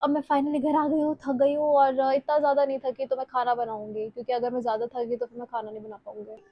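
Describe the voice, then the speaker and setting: A woman's voice: high voice, little pitch movement, fast talker, dull audio. A young woman from Haryana talking casually as a vlogger, chatty and self-mocking, with a Haryanvi-tinged Hindi accent and bits of English mixed in. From Haryana, India. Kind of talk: casual chat. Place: home kitchen and city streets.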